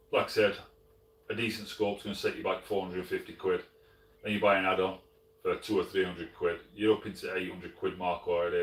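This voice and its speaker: Low-voiced sheffield bloke rambling through a live chat, roomy sound, a bit off mic. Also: male voice, far from the mic. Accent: Sheffield Yorkshire. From Sheffield, England. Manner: relaxed, chatty, full of fillers and restarts. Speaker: host answering live chat. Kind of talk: casual live-stream chat.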